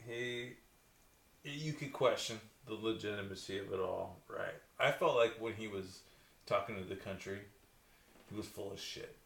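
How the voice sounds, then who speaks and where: A man argues casually in a bright, forceful voice, emphatic and full of swearing. He circles back on his own phrases to make a point, in an echoey room. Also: lowish voice, moderate pace, gravelly. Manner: emphatic, profane, repeats himself to make a point. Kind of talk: casual political debate. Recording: echoey room, noisy background, clicks.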